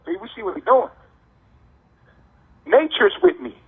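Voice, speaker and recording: A man's voice: extremely high pitch, big pitch swings, a little slow, gravelly, slightly rough. An American man on a prison phone line, delivering an impassioned, slangy monologue with emphatic repetition and rhetorical questions. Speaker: detainee speaking on a jail phone call.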